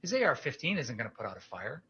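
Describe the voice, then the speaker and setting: A man's voice: medium pitch, sing-song, fast, highs cut off, a crowd in the background. A man speaking as a prosecutor, giving a passionate, emphatic closing argument to a jury, using pointed rhetorical questions and repetition.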